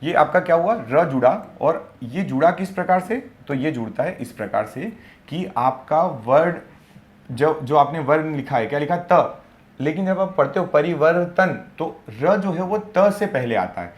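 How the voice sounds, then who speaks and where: A young man teaching a Hindi grammar class for exam preparation, who asks rhetorical questions, answers them himself and repeats key words slowly. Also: on the high side, animated.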